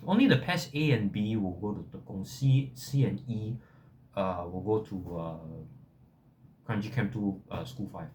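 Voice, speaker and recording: A young man with a Singaporean accent talks casually to his viewers in a fairly low voice. He hesitates, backtracks and is self-deprecating as he rambles along. There is some noise in the background of the recording. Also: a little slow, darkish tone. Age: young adult. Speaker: vlogger.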